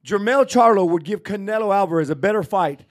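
High-voiced man ranting about boxing. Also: expressive, quick pace. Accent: Texan. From Texas. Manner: emphatic, repetitive, ranting. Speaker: podcast co-host. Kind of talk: casual sports debate.

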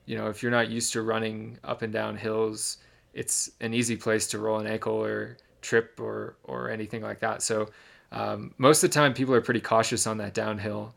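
Here a young runner co-hosting a podcast talks at a moderate pace in a lowish voice with vocal fry. His laid-back retelling of a race he ran is peppered with ums and restarted sentences.

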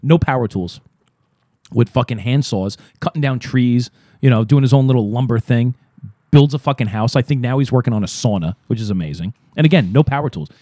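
On a podcast he co-hosts, a player with a cold rants animatedly, swearing a lot in casual banter. His mid-range, nasal voice comes quickly, and the sound is clean studio audio with no room sound.

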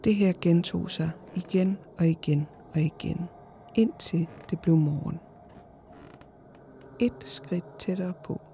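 Woman, horror narration, slow and hushed, often whispering, dark mellow tone, low voice. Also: a little hiss or hum.

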